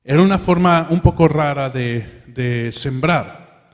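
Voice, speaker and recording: A man's voice: on the high side, slow. A man preaching a sermon in church, calling his listeners brothers and leading them in prayer. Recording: reverberant hall.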